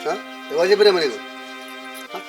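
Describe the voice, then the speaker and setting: A man doing a stern village elder with a Telangana Telugu accent. He talks fast and scolds as he questions. Loud music plays behind him. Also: high-pitched, animated. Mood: scolding. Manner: scolding, interrogating. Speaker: village elder mediating a dispute. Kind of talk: village short film acting. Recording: mic far off, music behind.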